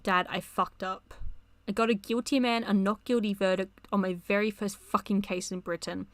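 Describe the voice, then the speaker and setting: A woman's voice: mid-range voice, steady tone, moderate pace, no room sound, natural voice. Guilt-ridden young male attorney, anxious, read plainly by a woman with a dry sound. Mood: remorseful. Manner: read aloud from a chat log.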